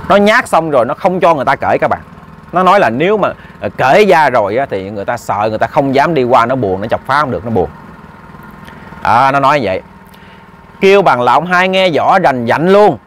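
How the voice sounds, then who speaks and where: Here's a brisk, expressive male voice of medium pitch and fairly bright tone, with a bit of hiss or hum underneath. He chats through a ghost story in an informal storytelling style, addressing his audience directly and often saying words twice.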